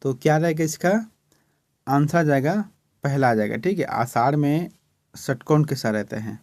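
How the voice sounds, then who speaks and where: A male teacher from Chhattisgarh, India, works through exam questions step by step in an exam-prep lesson, often checking in with "okay" by repeating "ठीक है". His voice is on the high side and a little mellow, at a moderate pace, with no room sound.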